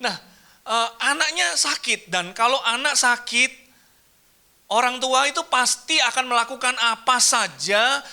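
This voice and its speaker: A man preaches a sermon in a church, his voice high and very bright. He tells the story with animation, acting out what the characters say, and sometimes drops to a soft near-whisper. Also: unhurried. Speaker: pastor.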